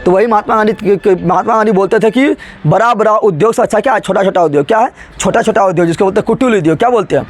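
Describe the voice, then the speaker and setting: Man teaching, high voice. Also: rapid-fire, soft background music. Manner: repeats key answers and asks the class "what is it?"; mixes English terms into teaching. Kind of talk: classroom lecture with repeated questions.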